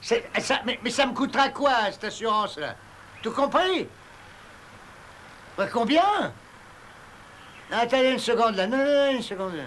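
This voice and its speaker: An actor playing a bossy, stingy older junk dealer in a dubbed film, grumbling in slang. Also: male voice, very high voice, lively intonation, measured pace, long pauses, a bit bright, slight background noise, full character voice. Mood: irritated. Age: middle-aged or older.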